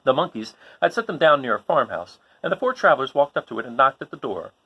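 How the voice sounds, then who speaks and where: A man reading a children's story aloud in an expressive style, as the host of a read-along. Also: mid-range voice, fast talker, husky, dull audio.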